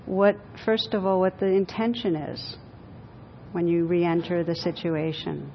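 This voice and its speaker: A woman teacher leading a guided meditation for a group, speaking gently and unhurriedly, with pauses and repeated phrases. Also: lowish voice, steady tone, creaky. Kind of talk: guided meditation, then informal group discussion. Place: room with a group audience. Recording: dull lo-fi live recording, faint noise.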